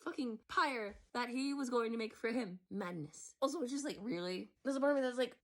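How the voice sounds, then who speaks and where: A woman's voice: on the high side, brisk. A young American woman hosting a movie reaction, rambling casually, swearing and sometimes dropping to a whisper. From United States. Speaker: movie reaction channel host.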